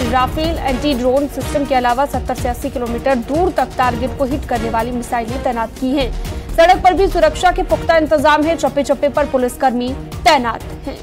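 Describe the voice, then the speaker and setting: A young woman anchoring a TV news bulletin in a studio, reading briskly and formally. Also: sits high. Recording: broadcast bed music underneath.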